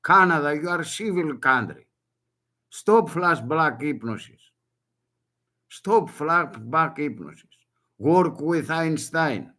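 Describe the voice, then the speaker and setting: An older man, a native Greek speaker with a Greek accent, records his own video to make an urgent public appeal in broken English, leaning on short repeated phrases. His voice is fairly high and animated, with a sharp edge. He speaks slowly and pauses often.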